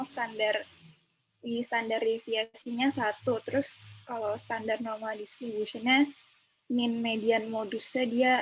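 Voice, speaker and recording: A young woman with a fairly high voice, recorded with faint background noise. She answers slowly as a student in class, hesitant and tense. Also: low-quality recording. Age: young adult.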